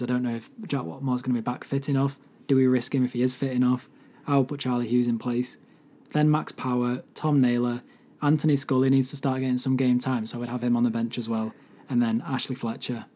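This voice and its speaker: A hoarse man whose voice has mostly gone, talking solo as a football podcast host. His tone is mellow and dark, with little rise and fall in pitch. He gives his opinions earnestly, like a devoted fan. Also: level tone, fast.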